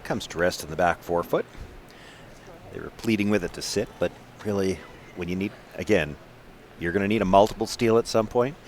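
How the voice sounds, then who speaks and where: A man's voice: low voice, brisk. A man giving live play-by-play curling commentary in a conversational way, putting questions to fellow commentators. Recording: noisy sports arena broadcast.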